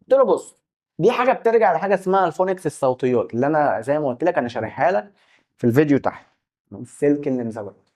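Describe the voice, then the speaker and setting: A man's voice: fairly high pitch, animated, very fast, darkish tone. A young man with an Egyptian Arabic accent, explaining an English lesson casually and acting out both sides of imagined student questions. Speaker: English teacher.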